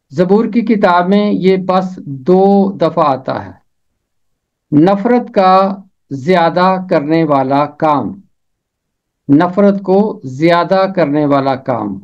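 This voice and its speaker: Slow, high-voiced man teaching pronunciation. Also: a little mellow, lo-fi sound. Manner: slow, deliberate, repeats each word carefully. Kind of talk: scripted lesson on word pronunciation and meaning.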